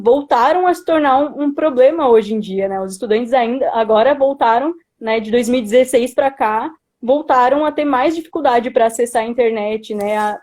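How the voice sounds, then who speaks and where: A young adult student activist with a Brazilian accent offers informal political commentary in a fairly high, mellow voice. She's earnest but hesitant, pausing to find words and often tacking on tag questions to seek agreement.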